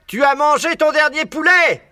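A man's voice: very high voice, moderate pace, dry recording, clean studio sound, voice pushed up. A man voicing a fat, furious farmer who screams orders in a storybook reading. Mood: frenzied, shouting. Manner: frantic yelling.

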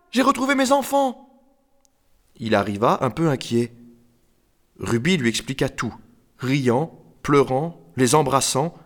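A man narrating a children's storybook with an expressive, lively delivery. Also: medium pitch. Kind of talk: audiobook narration.

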